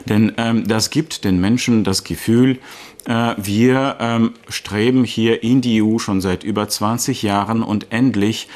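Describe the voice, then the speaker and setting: Low-voiced man from Ukraine, earnest. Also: fairly even intonation, measured pace, darkish tone. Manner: earnest, fluent with frequent hesitations. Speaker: guest politician. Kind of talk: political talk show interview.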